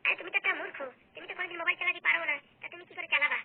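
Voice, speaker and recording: A woman voicing a defiant, sharp-tongued young wife who mocks her husband in a comedy skit. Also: extremely high pitch, steady tone, rapid-fire, vocal fry, a crowd in the background. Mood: mocking quarrel. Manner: mocking, quarrelsome. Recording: phone-like narrow sound.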